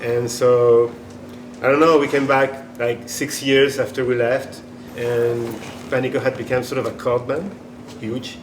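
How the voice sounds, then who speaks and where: A man's voice: medium pitch, level tone, unhurried. A man from Chile, a band member being interviewed, talking casually and rambling with many restarts and fillers. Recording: echoey room with noisy ambience.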